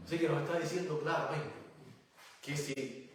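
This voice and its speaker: A man's voice: fairly high pitch, normal speed, fairly bright tone. Echoey preaching man heard from afar. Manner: reads scripture aloud, then explains it with rhetorical questions. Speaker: pastor. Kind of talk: sermon. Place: church. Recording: very echoey church hall, voice from a distance.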